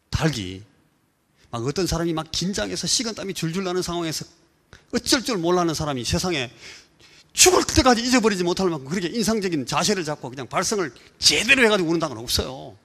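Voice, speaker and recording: Korean pastor preaching in a reverberant church. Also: male voice, fairly high pitch, fast. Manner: animated storytelling, imitating rooster crows and voices. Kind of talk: sermon. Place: church sanctuary.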